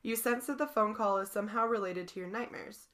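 Young woman, podcast co-host, bright voice, giggly, reading a game story aloud. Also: medium pitch, brisk. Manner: giggly, reads aloud with playful asides.

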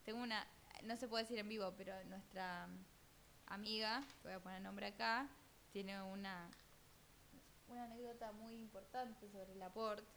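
A woman in her twenties with a Rioplatense Spanish accent, co-hosting a casual chat in an animated, gossipy way with quick exclamations. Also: mid-range voice, a little hiss or hum. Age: 20s. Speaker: co-host.

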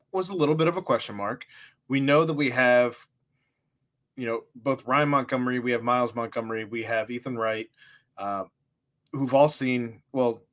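A man's voice: mid-range voice, a bit bright. A man hosting a casual sports podcast, running down college football news and steering the chat. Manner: steers the talk, rundown of college football news, laughs easily. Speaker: podcast host.

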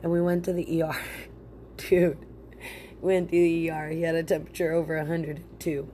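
Female podcast host, low register, stuffy nose from a cold, informal and blunt with joking slang, slight background noise. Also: fairly quick. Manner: animated, blunt, slangy, jokey. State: sick with a chest cold. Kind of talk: casual solo podcast chat.

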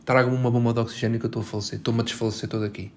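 A young man with a European Portuguese accent rants alone into his podcast mic from his bedroom. His tone is sarcastic and exasperated, with a mock-dramatic edge. His voice sits at a middling pitch for a man. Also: flat delivery, racing, heavy background noise. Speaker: podcast host. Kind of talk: solo podcast rant.

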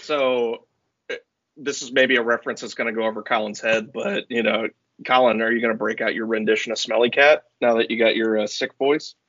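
A male podcast co-host chatting casually, teasing and halting with restarts. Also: medium pitch, fairly even intonation, fairly bright tone, dry recording, dull audio. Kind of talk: casual chat.

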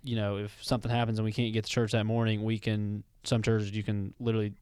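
A young man co-hosting a casual faith podcast, easygoing and quick to laugh, reading Bible verses aloud. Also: lowish voice, monotone, a crowd in the background. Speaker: podcast co-host.

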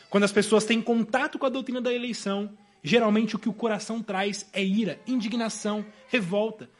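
A man preaching an evening sermon in a Brazilian accent, emphatic and often dropping to a soft voice. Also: high voice. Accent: Brazilian Portuguese. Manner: emphatic, with sudden drops to a soft voice.

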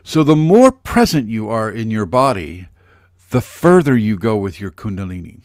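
A man's voice: fairly low pitch, big pitch swings, moderate pace, a little mellow, no room sound, clean studio sound. An older man giving a rambling, conversational spiritual teaching on a video call, talking to viewers by name. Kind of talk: live online spiritual teaching.

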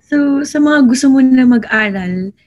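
A woman guest in a casual chat, soft-spoken and gentle, mixing Filipino and English. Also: high-pitched, measured pace, dull audio.

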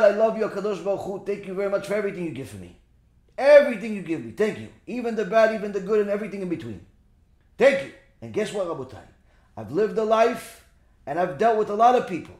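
A middle-aged man, a rabbi, giving a Torah sermon with emphatic rhetorical questions to his listeners. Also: high voice. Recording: roomy echo.

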